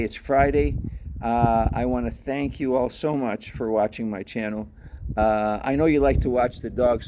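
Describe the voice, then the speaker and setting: A man's voice: fairly low pitch, mellow, a little hiss or hum. A middle-aged man hosting his own dog channel, telling a story in a loose, rambling way, full of restarts and fillers. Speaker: dog owner and channel host. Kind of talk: casual vlog storytelling.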